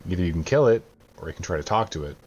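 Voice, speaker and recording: A man narrates a tabletop game as its game master, calm and descriptive. His voice sits a little low, and the recording is muffled and lo-fi. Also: very fast, husky.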